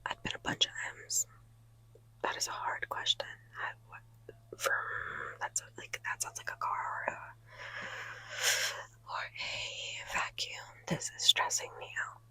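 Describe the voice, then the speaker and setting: A woman's voice: unhurried, sharp tone, rough recording. A woman, a mother with young children, whispering through an ASMR question list in a chatty, rambling, easily flustered way from inside a parked car. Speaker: ASMR creator. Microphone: phone.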